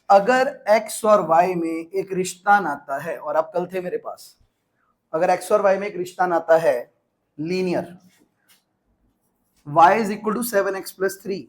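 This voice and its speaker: High-pitched man teaching a class. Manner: drills points with repeated phrases, mixes English terms. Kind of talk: classroom lecture.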